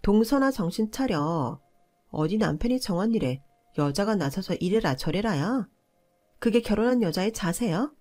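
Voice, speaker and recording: A woman's voice: mid-range voice, lively intonation, normal speed, a little mellow, natural voice. A woman voicing an overbearing, entitled middle-aged sister-in-law who talks down to others in a scolding tone. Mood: condescending. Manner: scolding, condescending.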